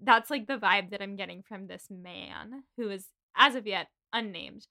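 A woman co-hosts a casual book podcast, recapping chapters in a mid-range, pushed, bright voice at normal speed. She's chatty, laughs a lot, and swears freely.

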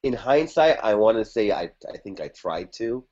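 A man's voice: lowish voice, sing-song, normal speed, a little mellow, lo-fi sound. A man, a podcast guest, telling a personal story in casual chat, with a lot of fillers and restarts. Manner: rambling, conversational, many fillers and restarts. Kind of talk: casual storytelling about a past relationship.

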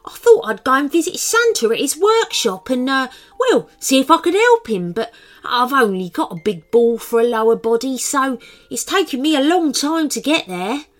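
A woman's voice: sits high, big pitch swings, normal speed, voice pushed up. A woman voicing a polite, hesitant male snowman who fumbles with fillers.

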